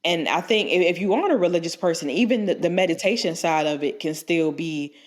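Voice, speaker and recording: Brisk and on the low side, the voice belongs to a young podcast co-host who has a stuffy cold. She rambles through casual advice, frequently restarting and using fillers.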